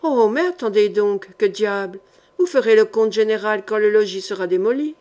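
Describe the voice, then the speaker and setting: Woman reading as a coolly calm knight. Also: medium pitch, natural voice. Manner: quiet, unhurried, dry. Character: calm, fearless male knight, coolly ironic.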